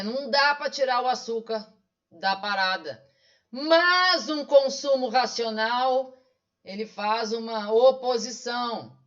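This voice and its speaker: A man's voice: very high voice, fairly bright tone. A man with a Brazilian accent working through exam questions as a teacher. He is didactic and poses questions, then answers them himself. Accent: Brazilian Portuguese. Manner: didactic, asks and answers his own questions. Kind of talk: online exam-solving lesson. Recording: dull lo-fi sound.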